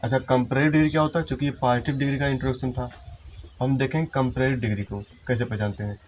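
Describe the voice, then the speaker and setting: Male teacher, mid pitch, patient step-by-step explaining, slow dictation, faint birds behind. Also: steady tone, a little hiss or hum. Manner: explains step by step, slows to dictate example sentences. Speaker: English grammar teacher. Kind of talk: Hindi-language classroom lesson.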